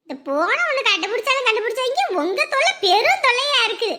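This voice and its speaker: An actress playing a sharp-tongued older mother-in-law in a TV serial, nagging and mocking. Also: very high-pitched, sing-song, fast, exaggerated voice. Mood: scolding. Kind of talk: TV serial acting.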